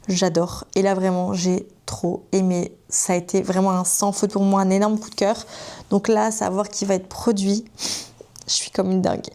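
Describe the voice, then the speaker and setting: A woman's voice: mid-range voice, mellow. A young woman in her twenties from France, chatting enthusiastically and gushingly to camera about upcoming book adaptations. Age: 20s. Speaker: book vlogger. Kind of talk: casual chat to camera.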